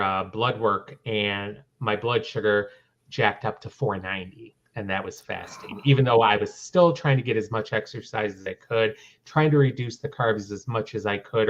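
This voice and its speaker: A man's voice: fairly low pitch, a bit bright, highs cut off. Man telling his story animatedly. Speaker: interview guest. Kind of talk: casual storytelling in a livestream interview.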